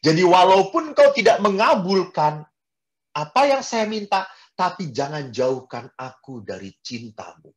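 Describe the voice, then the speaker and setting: Animated male priest preaching. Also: a little slow. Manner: animated, with sharp swings in pitch and loudness; repeats words for emphasis. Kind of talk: sermon.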